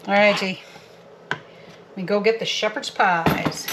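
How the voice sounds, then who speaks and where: A woman's voice: medium pitch, fairly even intonation, slow, heavy background noise. Chatty woman in her home kitchen. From Canada. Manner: chatty, giggly, talks to viewers while working. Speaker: homestead vlogger. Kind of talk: casual cooking vlog.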